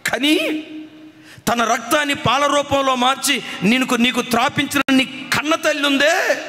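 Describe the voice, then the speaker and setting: A man's voice: very high-pitched, sharp tone. A man with a Telugu accent preaching a sermon with passion, often acting out the words of a weeping mother. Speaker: pastor. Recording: long hall reverb from a church.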